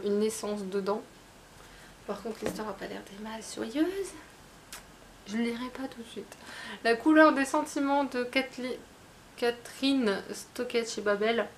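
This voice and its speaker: A book vlogger with a slightly high voice chats casually about her book haul. She talks hesitantly, full of fillers and restarts, and there's slight background noise.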